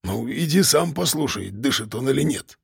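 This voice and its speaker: A man voicing a blunt, slow-witted, brutish cop with gruff short lines. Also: mid-range voice, lively intonation, no echo, studio quality, full character voice. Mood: gloomy.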